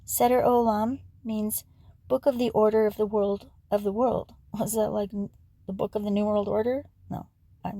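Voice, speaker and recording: Gravelly, mellow-voiced woman reading history aloud. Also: medium pitch, no echo. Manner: reads with asides and frequent throat clearing. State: losing her voice. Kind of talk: casual read-aloud for sleep.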